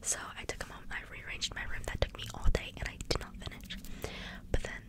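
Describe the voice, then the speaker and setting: In a breathy, gentle ASMR whisper, a young adult video creator talks fairly quickly, wandering through casual everyday anecdotes and slipping off on tangents.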